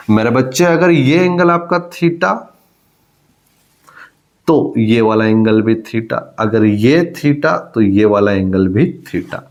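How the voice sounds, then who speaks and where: Speaking in a creaky mid-range voice, a man teaches physics for exam prep at the blackboard. He walks through a problem stepwise, repeating key phrases for emphasis, using English math terms, and calling his students "child."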